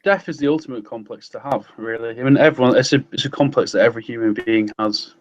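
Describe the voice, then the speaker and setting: A man co-hosts a relaxed podcast and works through ideas slowly, hedging and restarting. His voice sits in the middle range. The audio is muffled and lo-fi. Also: medium pitch. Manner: hesitant, many ums and restarts. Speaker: podcast co-host. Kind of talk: casual chat.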